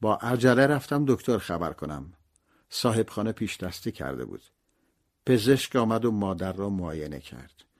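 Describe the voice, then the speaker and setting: A man narrating a memoir-style audiobook in a somber, reflective, scripted manner. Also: fairly low pitch.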